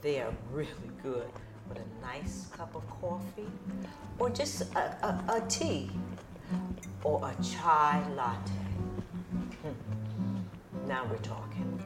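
Slow-talking woman hosting a cooking show. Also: rumbling low, lively intonation. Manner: chatty, repeats phrases for emphasis. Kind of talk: casual cooking chat. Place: home kitchen. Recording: echoey kitchen with guitar music.

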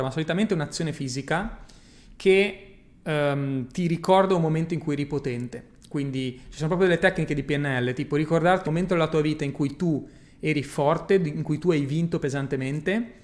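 A man's voice: on the high side, fairly quick. A man talking casually to his livestream viewers as a personal growth coach, emphatic and blunt, swearing freely and often checking that they follow him. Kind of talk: casual livestream talk reading viewer comments.

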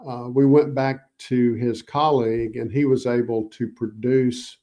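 Man, mid-pitched and mellow, guest expert in a casual interview, slow to find words. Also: level tone. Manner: hesitant, many fillers, explains patiently. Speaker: guest researcher.

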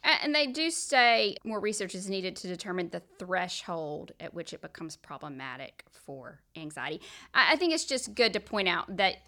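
A woman's voice: lowish voice, very animated, moderate pace, hardly any pauses, sharp tone. A woman with a Southern US accent co-hosting a casual health podcast, adding friendly comments and summing up points. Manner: adds friendly comments and summaries. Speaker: podcast co-host.

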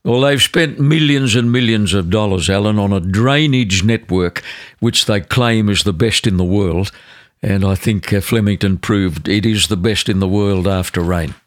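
An older man with an Australian accent, hosting an interview in a measured, articulate broadcaster's style. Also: lowish voice, dry recording, studio quality. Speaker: podcast host, interviewer. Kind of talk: polished scripted introduction and interview.

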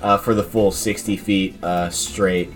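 A man's voice: low-pitched, steady tone, faint music behind. A man playing a tabletop game, describing his character's moves with many fillers. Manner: slow, hesitant with fillers. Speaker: player. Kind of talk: tabletop play, describing actions.

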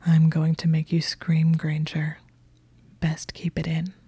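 A smug young wizard who savors every long word, as a woman reads him aloud. The voice sits low and dark, with a creaky edge and little rise and fall. The sound is close and dry. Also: fairly even intonation, moderate pace, no room sound. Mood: whispered.

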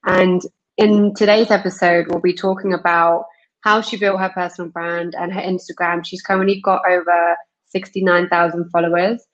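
A woman's voice: lowish voice, flat delivery, moderate pace, highs cut off. A woman hosting a podcast interview over a remote call, chatty, with many ums and restarts. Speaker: podcast host.

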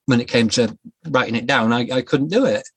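A man, a guest telling his life story in a podcast interview, reflective and halting with restarts. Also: medium pitch, husky, dry recording. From Yorkshire, England. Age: 40s. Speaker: guest author.

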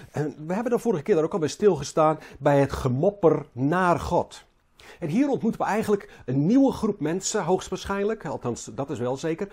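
A man preaching a Bible sermon. His voice is husky and mellow, with pitch slightly high for a man. He halts and repeats words, pushing some phrases hard and letting others sink low. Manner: halting, repeats words, rises and falls in emphasis.

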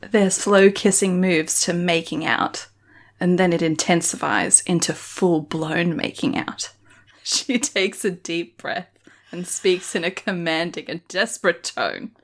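A woman's voice: fairly low pitch, measured pace. A woman narrating an improvised audio role-play, giggling often between lines. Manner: giggly, breaks into laughter often.

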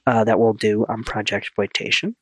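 A man co-hosting a film podcast, chatting casually and animatedly, his pitch jumping up for emphasis. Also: flat delivery, a little fast, a bit bright, breathy edge, dry recording. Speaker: podcast co-host.

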